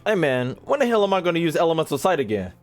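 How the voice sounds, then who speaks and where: Racing along in a slightly high, sing-song voice, an American man streams a game and comments casually, cracking jokes and cursing in loose slang. Game music and dialogue play behind him.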